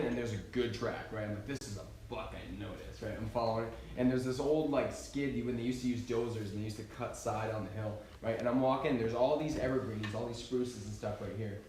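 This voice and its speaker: A young man talks to a seminar crowd in quick, animated bursts and keeps checking in with his listeners. His voice is of middling pitch, heard from afar with a big hall echo. A faint hum of room noise sits behind him. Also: recorded from a distance. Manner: fast and animated, keeps asking "right?". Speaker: seminar co-presenter, deer hunter. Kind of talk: live seminar talk, casual storytelling. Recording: echoey hall, mic from afar.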